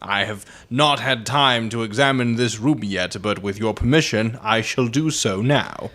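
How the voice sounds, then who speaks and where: A man playing a clever amateur detective in a dramatic story reading, measured, amused and politely sarcastic. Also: lowish voice, sharp tone.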